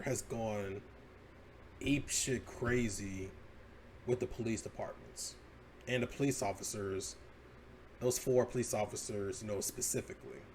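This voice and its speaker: A man's voice: on the low side, a little mellow, a little hiss or hum. A man hosting a podcast, reading out news headlines and commenting on them casually with loose, laid-back swearing. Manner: laid-back, swears and laughs at his own jokes. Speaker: podcast host.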